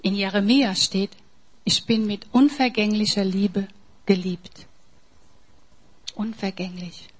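Husky German woman preaching emphatically. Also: mid-range voice, fairly even intonation, takes it slowly, long pauses. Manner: emphatic, swings from soft to forceful. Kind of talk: sermon.

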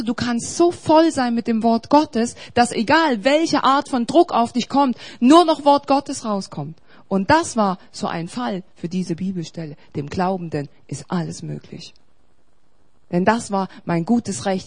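A woman pastor preaching a sermon, swinging between loud, urgent exhortation and quiet, confiding storytelling. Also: mid-range voice.

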